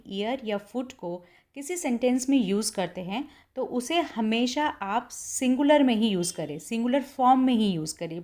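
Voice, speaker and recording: A woman teaching an English lesson in Hindi, reading example sentences slowly and repeating them word by word. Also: fairly high pitch, a little mellow. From India.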